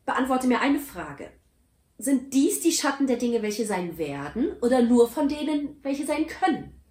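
A woman voicing a frightened old miser who pleads in despair, his voice rising high. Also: very animated, measured pace, a little mellow. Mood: anxious questioning. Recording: roomy echo.

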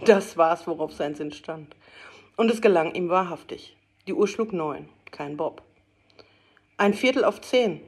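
Female audiobook narrator, lower-pitched, expressive storyteller who gives every character a voice.

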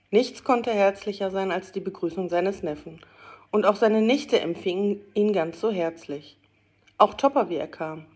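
A woman narrating a classic story as an audiobook, reading expressively and voicing the characters. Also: mid-range voice. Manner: lively, voices the characters.

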